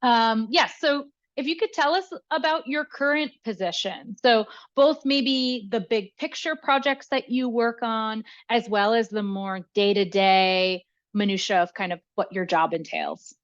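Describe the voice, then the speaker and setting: Interviewer: woman, slightly high voice, polite measured questions, dull muffled sound. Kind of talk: career interview.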